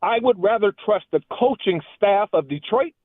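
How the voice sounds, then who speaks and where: The caller's voice is high-pitched and expressive, at normal speed and without echo, heard through a muffled phone line that sounds underwater. He's earnestly building his case on talk radio, restarting now and then.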